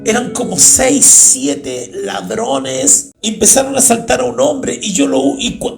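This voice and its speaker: A man preaching a sermon, telling a dream with rising emotion and loud cries. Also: extremely high pitch, gravelly. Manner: emotional, builds to shouting and crying cries. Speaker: pastor.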